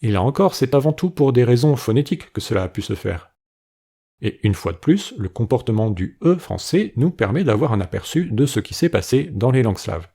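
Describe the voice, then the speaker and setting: A man giving a scripted educational narration about linguistics, explaining clearly and saying sample phrases aloud to show how they sound. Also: medium pitch, very animated, fairly quick, warm tone. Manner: clear explanatory delivery, demonstrates pronunciations.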